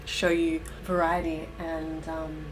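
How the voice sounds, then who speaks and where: A young woman, talking casually at home as a lifestyle vlogger, chatty and relaxed, often correcting herself mid-sentence. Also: sits low, takes it slowly, noisy background. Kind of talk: casual vlog talk and voice-over. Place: at home, in a wardrobe room.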